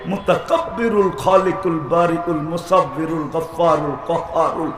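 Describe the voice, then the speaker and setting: A man preaching a live sermon, calling questions out to the crowd, shouting emphatic lines and chanting Arabic verses. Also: a little high, normal speed, roomy sound.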